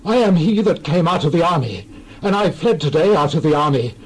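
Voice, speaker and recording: A man's voice: a little high, lively intonation, brisk, a little hiss or hum, voice pushed up, close to an everyday voice, poor audio. A man voicing a young male messenger fresh from battle, urgent and raised.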